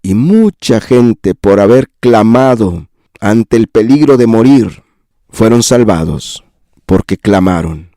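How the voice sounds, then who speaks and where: Slow, warm-voiced male preacher. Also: fairly low pitch, expressive, no room sound. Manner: repetitive lists rising into impassioned pleas; addresses listeners directly as brother and sister. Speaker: pastor. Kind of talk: sermon.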